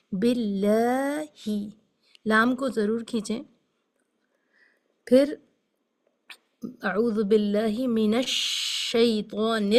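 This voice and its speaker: A woman teaching Quran recitation in an online lesson, explaining each sound and modelling it slowly, with English words mixed into her speech. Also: a little high.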